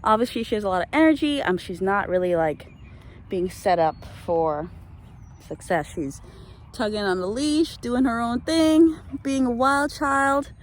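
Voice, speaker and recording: A woman's voice: on the high side, expressive, measured pace. A woman chatting casually to camera as she walks and handles her dog, explaining things like an owner giving training tips. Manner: talking while out walking and handling a dog. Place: out on a walk with a dog. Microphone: handheld camera microphone. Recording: noisy handheld camera recording.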